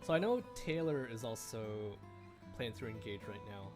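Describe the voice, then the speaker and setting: Easygoing man over clear music. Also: lowish voice, animated, moderate pace. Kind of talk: casual gaming chat.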